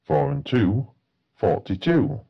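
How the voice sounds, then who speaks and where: Slow, gravelly male bingo caller. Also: mid-range voice, lively intonation, lo-fi sound. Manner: formulaic, matter-of-fact bingo caller delivery. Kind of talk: bingo calling, each number announced in a set phrase.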